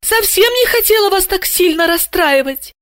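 A woman voicing a nervous young woman in an audiobook, with a high, piping, pleading manner. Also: expressive, moderate pace, a bit bright, no echo, studio quality. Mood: flustered. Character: nervous young woman Asya, squeaky and flustered. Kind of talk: audiobook character voice.

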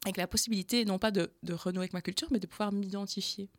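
A woman's voice: mid-range voice, racing, no room sound, clean studio sound. Chatty Charleroi-accented woman. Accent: Belgian, Charleroi. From Belgium, Charleroi area. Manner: animated, chatty, laughs often between phrases. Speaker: guest, slam poet. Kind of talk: casual interview storytelling.

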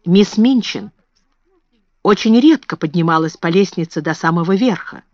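A woman narrating a children's novel in a measured reading voice, in a dull lo-fi recording. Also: on the low side, lively intonation, a little mellow, dry recording. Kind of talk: scripted audiobook narration.

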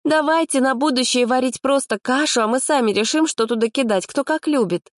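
Woman doing a petulant high-voiced young woman. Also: a little fast, no room sound, studio quality, close to an everyday voice. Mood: indignant. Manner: indignant, whiny. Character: petulant sharp-tongued young woman camper.

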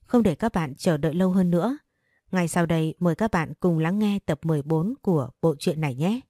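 A woman narrating an audiobook-style story for her channel in a measured, calm way. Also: lowish voice, no echo, clean studio sound. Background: faint music.

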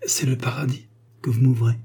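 A man voicing a gentle, grateful poor young girl, speaking softly and earnestly in a slightly raised voice. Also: medium pitch, flat delivery, fairly quick, creaky, slightly rough. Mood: tender. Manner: soft, earnest and tender.

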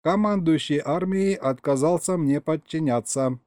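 Man doing a gruff furry alien commander. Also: on the high side, a little slow, darkish tone, dry recording, clean studio sound, voice pushed up, lightly acted. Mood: gloomy. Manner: gloomy, grumbling.

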